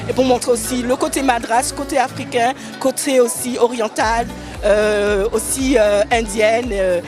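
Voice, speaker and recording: A woman's voice: on the high side, fairly even intonation, unhurried, over music. A woman fashion designer and children's author, answering at length with many hesitations and fillers. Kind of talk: interview at a fashion show.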